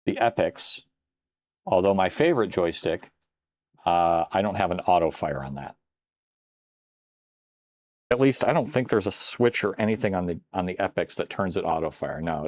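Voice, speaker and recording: An older man casually commenting while playing a retro computer game on a live stream, chatting with viewers and exclaiming at close calls. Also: low-pitched.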